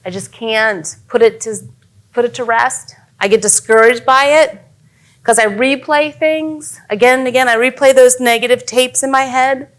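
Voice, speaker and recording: Woman, young adult, youth pastor, conversational sermon, earnest, slightly high voice. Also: steady tone, normal speed.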